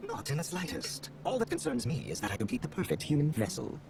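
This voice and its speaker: A man's voice: fairly high pitch, huge pitch swings, quick pace, vocal fry, darkish tone, soft background music, full character voice. A man playing a scheming, arrogant video game villain with theatrical, haughty delivery. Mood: dismissive, haughty. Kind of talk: dramatic video game acting.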